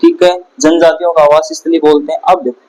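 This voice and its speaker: A man's voice: on the high side, level tone, fast talker, a little mellow, rough recording. A man teaching a classroom lecture, quizzing his students with the same questions again and again.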